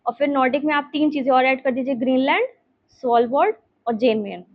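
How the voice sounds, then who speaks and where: Woman teacher, high voice, repeats names, checks in with students, slightly dull recording. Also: a little fast. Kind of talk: explaining a map lesson.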